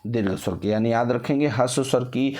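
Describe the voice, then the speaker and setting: A man's voice: medium pitch, fairly quick, darkish tone. A male teacher giving an exam-prep lesson, who calls his viewers friends and answers his own questions, drawing out vowels to show how they sound.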